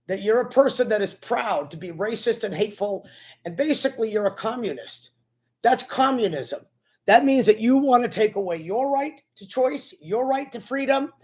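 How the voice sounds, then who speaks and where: A commentator giving an impassioned, sermon-like political rant in an accusatory, repetitive, preachy manner. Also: medium pitch.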